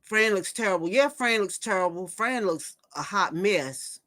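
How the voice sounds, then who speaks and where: This livestream host, a woman in her fifties, chats casually, gossips and reads out viewer comments before responding. Her mid-range, fairly bright voice has lively intonation and a slightly slow pace.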